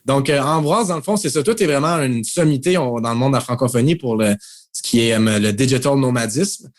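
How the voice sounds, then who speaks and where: A man's voice: medium pitch, a little fast. A man with a Québécois accent hosting a casual podcast interview, friendly, with many fillers. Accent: Québécois French. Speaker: podcast host.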